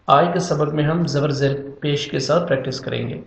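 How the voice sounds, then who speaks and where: A man's voice: on the high side, vocal fry, reverberant, rough recording. A man giving a Quran reading lesson, patiently spelling out letters and vowel marks syllable by syllable. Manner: patient, instructive, drills syllables one by one. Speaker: Quran teacher.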